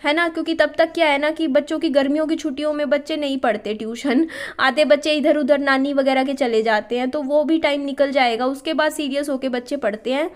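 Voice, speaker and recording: A woman's voice: high-pitched, steady tone, a little fast. A young adult woman vlogging in a casual, chatty way, often checking that listeners agree with her. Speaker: family vlogger. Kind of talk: casual vlog chat.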